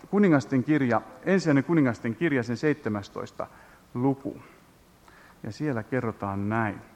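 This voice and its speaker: A man preaching a Pentecostal sermon, retelling a Bible passage and then rising into loud, high-pitched exhortation. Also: big-room sound.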